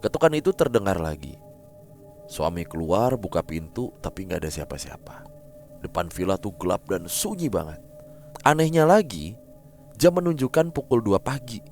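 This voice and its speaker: A man narrating a listener's first-person horror story in an expressive, dramatic way. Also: sits low, moderate pace, pauses often, faint music behind.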